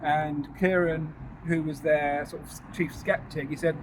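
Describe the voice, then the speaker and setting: A man's voice: on the high side, level tone, unhurried. A man guiding a ghost walk, telling anecdotes casually and hesitantly to a small group outdoors. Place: outdoors on a walking tour near a road. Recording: noisy outdoor recording with passing vehicles.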